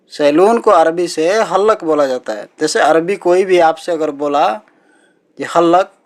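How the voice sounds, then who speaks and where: A man teaching everyday vocabulary as a language teacher, repeating each word slowly and patiently. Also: high-pitched. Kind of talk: teaching Arabic words in Hindi.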